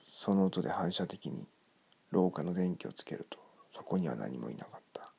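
A man reading a ghost story in a hushed, creepy manner, his gravelly, breathy voice often close to a whisper. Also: low-pitched, expressive, normal speed.

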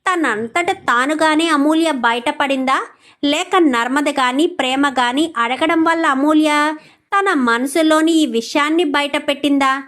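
A woman's voice: sits high, measured pace, fairly bright tone. A woman narrating a recap of a TV serial episode in a dramatic storytelling manner, posing questions to the listener.

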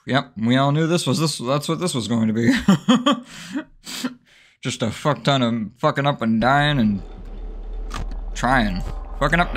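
A young man doing excitable, playful horror game commentary, breaking into exclamations and swearing, speaking close to a microphone in a room. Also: mid-range voice. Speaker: video game streamer.

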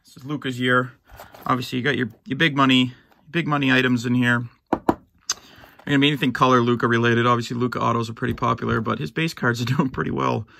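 A middle-aged man opening a box of sports cards for his channel, easygoing and rambling with lots of fillers and restarts, a little hoarse and clearing his throat now and then. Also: medium pitch, fairly even intonation, fast talker, bright, forceful tone, a little hiss or hum. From United States. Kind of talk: casual box-break commentary. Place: at home, in his basement.

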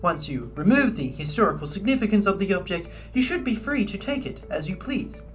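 A woman's voice: mid-range voice, big pitch swings, a little fast, soft background music. A woman presenting a parody infomercial with mock-salesy, scripted patter.

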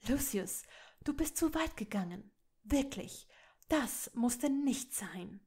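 Female reader as a gentle pleading noble mother in an audiobook, slow and a bit high. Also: lively intonation, husky, heavily acted. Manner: soft, earnest, pleading. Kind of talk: audiobook reading of fan fiction.

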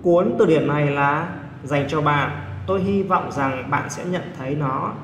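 Gravelly-voiced male teacher in an echoey room. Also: on the high side. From Vietnam. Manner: explains step by step, asks students quick check questions. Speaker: English teacher. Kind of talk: exam answer walkthrough. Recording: echoey room, faint background noise.

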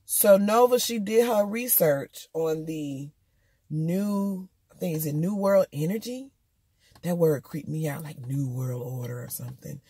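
A woman's voice: low-pitched, unhurried, mellow, slightly rough, dry recording. A woman recapping a TV episode in casual, slangy chat, talking candidly straight to her viewers. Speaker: TV episode reviewer.

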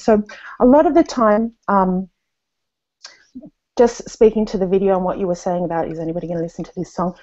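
A woman's voice: medium pitch, mellow. A woman in her thirties from Tonga, speaking earnestly on a video call panel with many fillers and restarts. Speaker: panel guest. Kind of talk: thoughtful video call discussion. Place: small room indoors, seated at a desk. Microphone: webcam with earphones on a video call. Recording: dull lo-fi video call audio.

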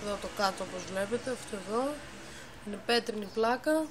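Speaking in a mid-range voice, a game builder gives a casual tour of her build, pausing, self-correcting, and explaining step by step. The setting is a dim home room by a computer. She records with a phone camera aimed at the monitor, producing a noisy home recording.

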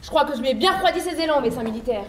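Prickly hotel maid, bright high voice, huffy, echoey stage. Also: female voice, lively intonation, very fast, a little hiss or hum. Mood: tart. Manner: tart, indignant. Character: indignant young hotel maid, sharp-tongued. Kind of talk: stage play acting. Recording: echoey theater stage recording.

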